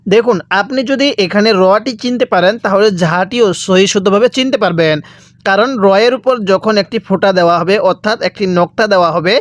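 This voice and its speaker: His voice sits high and moves fairly quickly as this Quran reading teacher leads a step-by-step recitation lesson. He patiently says each Arabic letter again and again and asks the viewer to say it back, in clean studio sound without echo.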